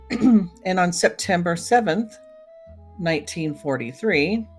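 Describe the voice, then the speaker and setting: This solo podcast host talks about old time radio in a relaxed, chatty way, addressing listeners directly. Her lowish voice is expressive and slow with a breathy edge. Soft music runs underneath.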